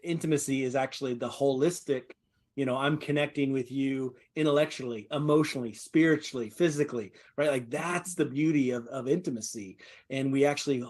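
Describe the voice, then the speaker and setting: A man's voice: mid-range voice, brisk, a little mellow. A man explaining ideas earnestly in a conversational discussion, checking in with short tag questions. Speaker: discussion panelist.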